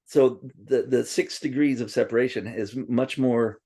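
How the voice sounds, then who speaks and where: In a mellow, steady, medium-pitched voice at normal speed, an interviewee rambles through casual memories, frequently restarting and going off on asides. Swedish was his first language; he was born in Princeton and spent part of his upbringing in Tokyo.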